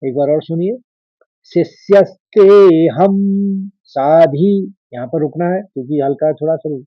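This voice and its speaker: A man teaching the recitation of a scripture verse line by line: he chants each line slowly and loudly, then explains the pronunciation quickly and quietly. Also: on the high side, no room sound. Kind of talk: recitation lesson. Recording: dry, dull lo-fi home recording.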